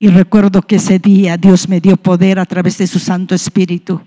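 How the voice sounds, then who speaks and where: A woman's voice: fairly low pitch, little pitch movement, moderate pace, dark tone. Impassioned Peruvian woman giving church testimony. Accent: Peruvian Spanish. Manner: impassioned, storytelling with rising emotion. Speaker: pastor's wife giving testimony.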